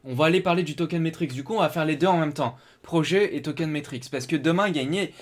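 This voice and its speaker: A man's voice: a little high, quick pace. A man hosting a casual live stream, thinking aloud as he goes through a web page, with many fillers and restarts. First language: French.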